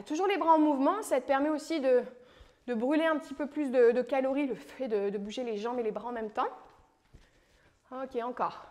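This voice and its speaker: High-voiced upbeat French fitness coach. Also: female voice. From France. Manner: upbeat coaching cues, counting reps, playful asides. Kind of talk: guided home workout instruction.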